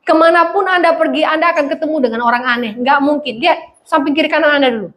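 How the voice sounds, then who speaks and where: A middle-aged woman pastor, preaching a lively conversational sermon and acting out voices. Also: high voice, fast talker. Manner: animated, acts out voices, laughs often.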